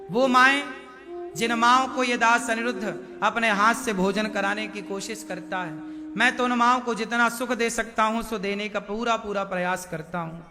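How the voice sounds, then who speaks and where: Male katha preacher, high voice, booming hall reverb with music under it; storytelling sermon with chanted verses. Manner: chants Sanskrit verses, acts out dialogue.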